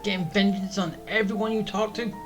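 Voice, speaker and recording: A woman hosting a gaming video gives casual, blunt commentary on the gameplay, often muttering asides to herself. Her mid-range voice is steady in tone and a little fast, with game music playing behind her.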